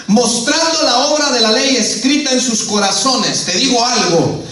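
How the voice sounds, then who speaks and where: A man's voice: very high-pitched, normal speed, fairly bright tone. A man preaching a sermon as a pastor, calling the congregation brother and questioning them directly. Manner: preaching, keeps calling the listener "hermano"; asks the congregation questions and acts out quoted voices. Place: church. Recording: echoey church hall, mic far off.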